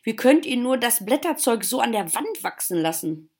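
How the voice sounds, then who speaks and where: A woman's voice: a little high, sing-song, moderate pace, pitched above the performer's own voice. A woman voicing a grumpy old male gardener who grumbles and disapproves. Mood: scolding.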